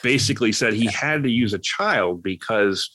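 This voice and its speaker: A man co-hosting a podcast, chatting casually and telling stories in a rambling, animated way. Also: lowish voice, normal speed, no room sound. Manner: rambling, animated storytelling with quoted voices. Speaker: podcast co-host. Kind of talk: casual chat.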